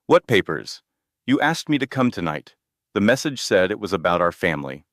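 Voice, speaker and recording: A man voicing a desperate, pleading young pregnant wife in a dramatic storybook narration, his pitch lifted high as she begs and cries out. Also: big pitch swings, normal speed, fairly bright tone, no room sound, studio quality. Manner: pleading, rising to screams.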